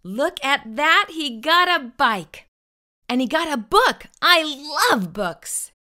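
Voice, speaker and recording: Taking it slowly, a middle-aged woman with a high, pushed, bright voice hosts storytime for children, reading expressively. She exaggerates her emphasis and addresses the kids directly. She's indoors in a small furnished room, picked up by a lapel microphone.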